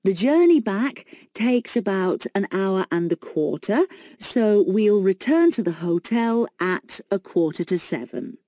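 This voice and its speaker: A woman playing a friendly, organised tour guide, speaking in a measured, scripted way for a listening exercise. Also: mid-range voice, expressive, dark tone, no echo, clean studio sound, natural voice. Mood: friendly, informative. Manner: measured, clearly phrased announcing. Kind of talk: scripted listening-test monologue.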